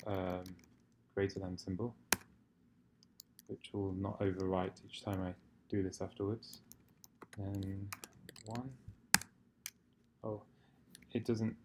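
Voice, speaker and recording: A man improvising a software walkthrough, hesitant and fumbling for words as he thinks aloud, in a gravelly voice. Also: lowish voice. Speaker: software tutorial presenter. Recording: faint noise, keyboard typing and clicks. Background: computer keyboard typing and mouse clicks.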